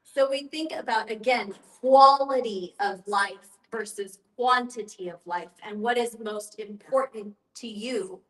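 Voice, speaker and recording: Unhurried and a bit bright, with a slightly high voice, this end-of-life educator facilitates a group discussion as a guest. Her manner is earnest and explanatory with emphatic repetition, and she draws on personal anecdotes, with the room echoing around her.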